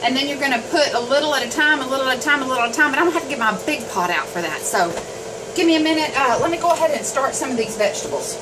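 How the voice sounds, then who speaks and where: A woman's voice: high-pitched, animated, very fast. A woman chatting homily to viewers while she cooks in her kitchen. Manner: chatty, homespun, talks to viewers while cooking. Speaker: home cooking vlogger. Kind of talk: casual cooking chat. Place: home kitchen. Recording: home kitchen, mic at a distance, cooking noise. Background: chopping, sizzling pans and dishes.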